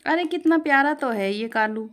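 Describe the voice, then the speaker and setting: A woman's voice: high voice, expressive, normal speed, a bit bright, voice pushed up. A woman voicing a kind, obliging young husband who dotes on the parrot. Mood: friendly. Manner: eager, obliging.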